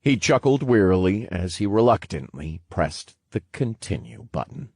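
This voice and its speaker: A man narrating an audiobook in a measured, wry storytelling manner. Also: lowish voice, very animated, creaky, a little mellow, husky, no echo, clean studio sound.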